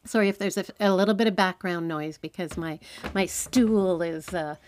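A woman's voice: lowish voice, moderate pace, a little mellow, slight background noise. A middle-aged woman co-hosting a casual podcast chat, recorded inside a small closet, agreeable and chatty. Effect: recorded inside a closet, dry and close. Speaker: podcast co-host.

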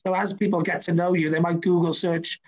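A man's voice: sits high, little pitch movement, brisk, darkish tone, highs cut off. A man hosting a casual interview, chatty and rambling with lots of fillers. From Wales. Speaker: podcast host.

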